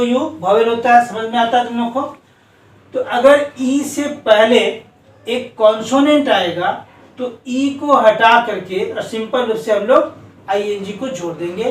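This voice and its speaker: High-voiced male grammar teacher. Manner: keeps asking students rhetorical questions, spells letters out slowly. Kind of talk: classroom lesson explaining spelling rules. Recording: echoey room, voice from a distance.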